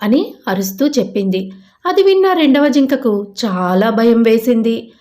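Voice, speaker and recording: A woman narrating a children's moral story in a lively, expressive storybook style. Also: on the high side, unhurried.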